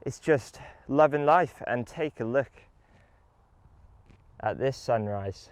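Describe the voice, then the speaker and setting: A man's voice: medium pitch, takes it slowly, clear, resonant tone, no room sound. A man giving an enthusiastic, casual product review while playing a round of golf outdoors. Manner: enthusiastic, upbeat.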